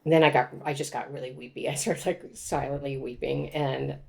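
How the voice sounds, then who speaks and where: A woman's voice: extremely low pitch, fairly even intonation, moderate pace, creaky, darkish tone. A woman in her forties, a guest author, telling her story in reflective, casual conversation with frequent laughs.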